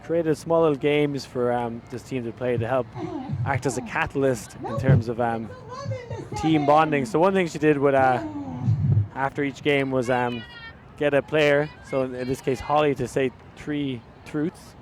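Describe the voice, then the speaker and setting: A man's voice: normal speed, noisy background. A man with an Irish accent doing live sports commentary. His voice lifts on big plays, and he chats along with fillers in between. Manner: rises in pitch and volume on big plays, chatty with fillers.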